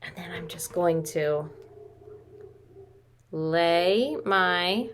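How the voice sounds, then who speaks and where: A fairly low-pitched, a bit bright voice, with a little hiss or hum behind it, comes from a preschool teacher in her thirties. Very slowly, she guides young children through a craft from a small room at home, keeping things simple and calling them friends.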